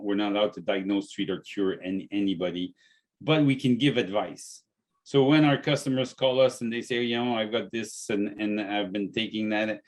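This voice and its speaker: A man's voice: mid-range voice, a little mellow. A man hosting a casual health podcast who often stops and repeats words mid-sentence. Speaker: podcast host and natural health business owner.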